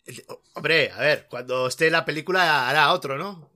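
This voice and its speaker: Excitable bright-voiced man. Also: fairly high pitch, normal speed. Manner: excitable, play-by-play commenting. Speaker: co-host. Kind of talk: casual reaction chat.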